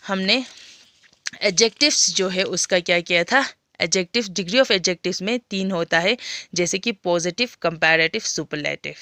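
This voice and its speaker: Indian woman, schoolteacher, unhurried, methodical explainer, checks understanding. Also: mid-range voice, a bit bright, no room sound. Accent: Indian English. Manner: explains step by step, often checking "clear?". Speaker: school English teacher. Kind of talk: classroom grammar lesson.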